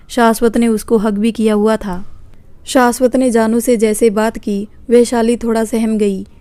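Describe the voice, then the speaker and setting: A woman storyteller reading a scripted story in a calm, even manner. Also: on the high side, dry recording.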